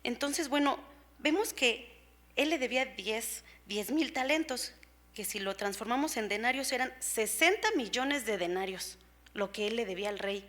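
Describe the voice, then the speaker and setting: A woman's voice: a little high, lively intonation, normal speed, a bit bright. A woman preacher giving a sermon in an earnest, explanatory way, with rhetorical questions and frequent fillers, in a church.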